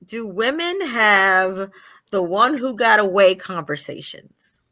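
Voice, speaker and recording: Bright playful woman hosting. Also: mid-range voice, lively intonation, takes it slowly. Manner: laughs often, playful. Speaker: host. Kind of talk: casual group chat.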